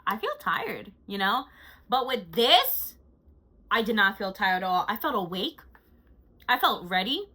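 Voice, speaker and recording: A woman's voice: medium pitch, very animated, measured pace, long pauses, sharp tone, breathy edge, poor audio. A woman vlogger chatting casually through a monthly recap, gushing and chatty with frequent fillers. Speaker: lifestyle vlogger.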